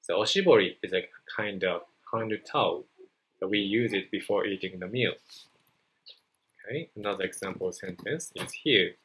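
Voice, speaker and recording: Husky Japanese-accented male tutor. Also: sits low, fairly bright tone, low-quality recording. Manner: slow, careful teaching with repeated example phrases. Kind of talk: online language lesson.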